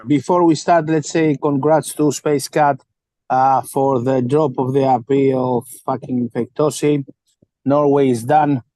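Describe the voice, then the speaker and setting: A man co-hosting a casual stream, blunt and swearing, with halting restarts. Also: medium pitch, steady tone, dark tone, no room sound. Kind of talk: casual chat.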